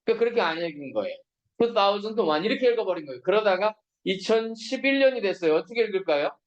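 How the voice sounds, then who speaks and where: High-voiced male teacher, roomy classroom. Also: big pitch swings, dull audio. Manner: asks students constant check questions; reads English examples slowly and deliberately. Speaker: English teacher. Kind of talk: classroom grammar lesson. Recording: roomy, distant classroom recording.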